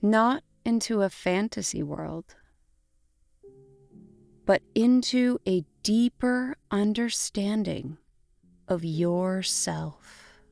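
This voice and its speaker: Soft instrumental music plays beneath a meditation guide as she narrates guided imagery at an extremely unhurried pace. Gentle and deliberate, she speaks in short phrases separated by long pauses. Her medium-pitched voice is expressive with some vocal fry, and there's no echo.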